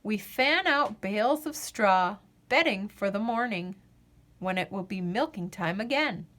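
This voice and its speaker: A woman with a mid-range voice reads a children's picture book like a storyteller. She delivers lines expressively and with deliberation, drawing the refrains out.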